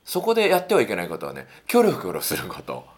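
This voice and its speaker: A man talking through dating advice in a casual monologue, animated and acting out little quotes, with a self-affirming "un" between points. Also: fast. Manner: animated, swoops widely in pitch, acts out quotes.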